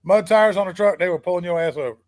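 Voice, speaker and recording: High-voiced man telling road stories. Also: fast talker. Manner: animated, profane, tells stories with acted-out dialogue. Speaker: podcast guest. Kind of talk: casual storytelling.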